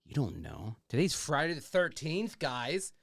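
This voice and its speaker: A man's voice: fairly high pitch, wildly swooping pitch, a little slow, gravelly, a bit bright, dry recording, clean studio sound. A man co-hosting a casual podcast, talking effusively and informally, often repeating himself. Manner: effusive, repetitive, informal with swearing. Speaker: podcast co-host.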